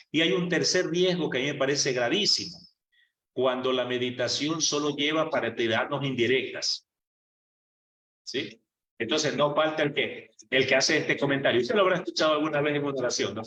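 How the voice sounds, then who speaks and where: A man with a mid-range, slightly bright voice gives a conversational sermon on prayer in a church meeting hall, full of rhetorical questions and acting out quoted prayers. The hall sounds roomy, and the mic is distant.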